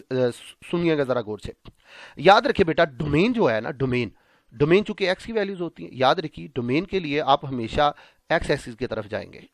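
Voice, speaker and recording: A man's voice: mid-range voice, dry recording. Male math lecturer, dry sound. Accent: Pakistani Punjabi. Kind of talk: classroom lecture.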